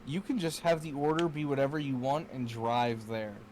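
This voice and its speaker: A man chatting casually while playing a kart racing game with friends, excitable and rambling, swearing often. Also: medium pitch, moderate pace, slight background noise. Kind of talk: casual gaming chat.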